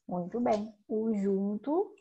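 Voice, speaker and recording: Husky-voiced woman teacher explaining patiently. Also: medium pitch, expressive, dark tone, highs cut off. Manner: slow emphatic explaining with frequent tag questions. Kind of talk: recorded grammar lesson.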